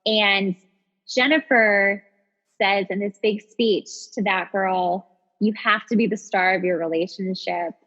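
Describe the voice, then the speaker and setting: A husky-voiced woman in her thirties hosts a podcast, chatting casually and telling stories in an unhurried, medium-pitched way. She is animated and self-deprecating, acting out the quotes in her tales. The audio sounds dull, with long reverb.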